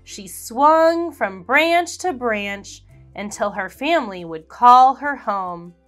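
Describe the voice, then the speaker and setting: Reading a picture book aloud for young children, a woman stretches out each phrase at a leisurely pace. Her slightly high pitch rises and falls widely in an animated, slow, clear storytelling style, with soft music playing faintly underneath.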